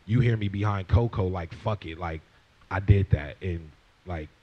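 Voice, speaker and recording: With a low voice at a moderate pace and the highs cut off, a twentysomething guest rapper tells a rambling, profane story on stage. He holds a handheld mic beside a leather couch in front of an audience and acts out what everyone said.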